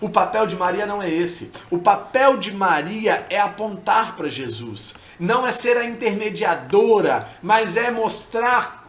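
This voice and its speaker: A man preaching a sermon as a pastor, passionate and repetitive, pausing on hesitant fillers. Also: high-pitched, expressive, fairly bright tone. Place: church. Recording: roomy church hall.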